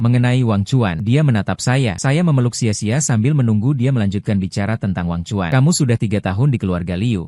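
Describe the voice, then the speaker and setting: A man narrating a first-person family drama story, reading every character's lines in an even read-aloud delivery. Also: fairly low pitch, dry recording, clean studio sound.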